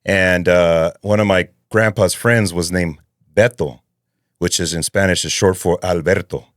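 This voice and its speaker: A man with a low, deep voice chats as a podcast guest. He is a voice actor and comedian who tells stories with a lot of energy and laughs easily. The recording sounds close and dry. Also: a little slow, dry recording. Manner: animated storyteller who laughs often. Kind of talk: casual chat.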